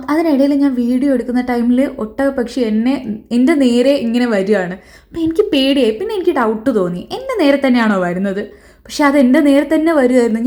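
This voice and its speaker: A woman casually narrating her travel vlog as a voice-over, chatty and often pausing to search for words. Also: fairly high pitch, darkish tone. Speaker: travel vlogger.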